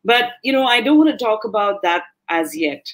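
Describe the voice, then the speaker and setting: A woman's voice: medium pitch, expressive, moderate pace, fairly bright tone. A woman hosting an online interview forum, gushing and effusive with her guest. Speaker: forum host.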